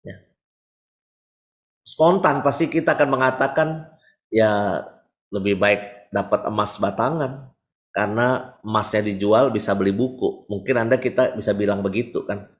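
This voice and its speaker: A man in his forties, a priest giving a frank, conversational sermon to a congregation with everyday examples. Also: medium pitch. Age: 40s.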